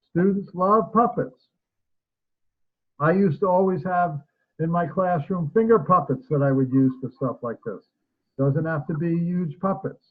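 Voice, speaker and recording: A man teaching an online class in a relaxed, chatty way, laughing now and then. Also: fairly high pitch. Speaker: instructor. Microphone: video call. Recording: tinny call audio.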